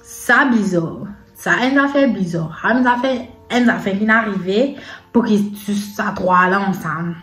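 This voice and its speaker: A woman with a Mauritian Creole accent telling a personal story in a casual storytime vlog, in halting, repetitive phrases with many pauses. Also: medium pitch, a bit bright. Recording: roomy echo with faint background music. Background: faint sad music.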